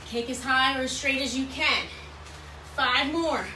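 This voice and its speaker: Woman, aerobics instructor, bright forceful tone, encouraging counts and repeated cues, echoey room with background noise. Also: high-pitched, steady tone, unhurried. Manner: encouraging, repetitive cueing while exercising. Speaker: fitness instructor leading a workout. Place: small bright room at home, indoors. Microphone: camera or phone several feet away. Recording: roomy, distant mic, clear background noise.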